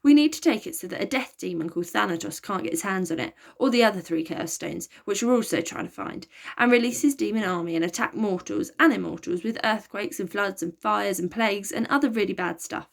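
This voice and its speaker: A woman's voice: mid-range voice, a little fast, vocal fry. A woman putting on an eager cheeky schoolboy.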